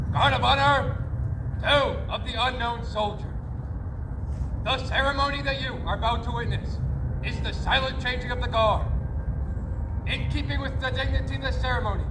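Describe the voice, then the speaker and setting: A soldier of the honor guard giving a slow, formal ceremonial announcement to visitors, heard over an outdoor loudspeaker. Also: male voice, very high-pitched. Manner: slow, projected, drawn-out military delivery. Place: outdoors at a memorial. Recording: distant loudspeaker with outdoor noise.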